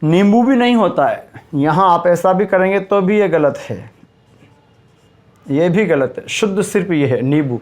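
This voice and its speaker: Male teacher, spelling class for exam students; unhurried, drills each word twice, slightly high voice. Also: lively intonation, darkish tone. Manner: slow, repeats words for emphasis.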